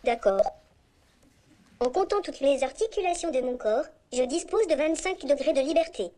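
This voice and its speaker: A small, polite humanoid robot talks through a scripted self-introduction in a high, chirpy synthetic female voice, even and mechanical in delivery. This scripted text-to-speech demo plays at normal speed, and it is plainly a machine voice coming from the robot's own speaker on a conference stage.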